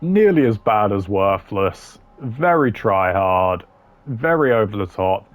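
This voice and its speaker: Faint music sits behind a gaming video creator as he ranks game voice lines with casual, opinionated, slangy bluntness. His voice is fairly low and animated, and he takes it slowly.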